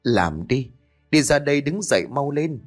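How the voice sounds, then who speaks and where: A man's voice: medium pitch, very animated, moderate pace, faint music behind, voice pushed up. A man plays an old husband near death, his voice choked yet stern. He barks short, urgent commands that allow no argument, in a spoken horror story. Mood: choked urgency.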